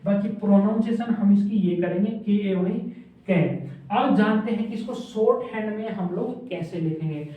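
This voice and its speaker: A man's voice: sits high, normal speed. A man teaching a shorthand class, repeating letters and quizzing his students as he draws strokes. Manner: repeats drills and asks the class questions. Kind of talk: classroom lesson at a board. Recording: echoey room, distant phone-like mic.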